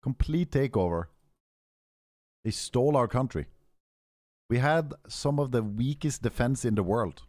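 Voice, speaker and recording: A man's voice: medium pitch, lively intonation, measured pace, pauses often, darkish tone, no echo. Laid-back Norwegian man, dry close sound. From Norway. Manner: laid-back, profane, full of gamer slang. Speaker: game streamer. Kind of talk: casual stream chat.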